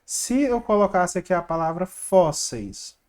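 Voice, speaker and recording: A man's voice: sits high, very animated, unhurried, a little mellow. Male exam-prep teacher, slide lesson, quizzes then answers himself, repeats rhymes. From Brazil. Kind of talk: online grammar lesson with slides.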